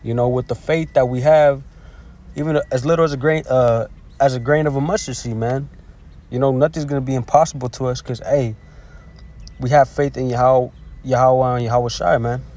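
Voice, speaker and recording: A lay preacher with a steady, darkish, mid-range voice gives a casual scripture teaching. He keeps saying "man" and "hey," often stumbles and restarts, and reads the verses slowly and haltingly.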